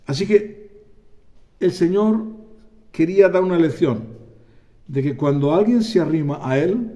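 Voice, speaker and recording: A man preaching a sermon, animated, acting out voices and calling on the congregation for amens. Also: on the high side, a little slow.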